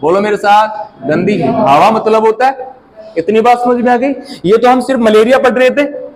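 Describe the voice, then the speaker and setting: High-voiced man teaching a drilling class. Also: low-quality recording. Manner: quizzes the class with repeated call-and-response prompts; repeats key terms slowly for emphasis. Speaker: competition exam teacher. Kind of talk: classroom lecture.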